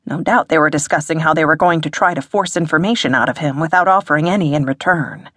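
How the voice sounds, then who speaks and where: A woman reading an audiobook in a measured, dramatic narration. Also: sits low, fairly bright tone, no room sound, clean studio sound. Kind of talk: scripted narration.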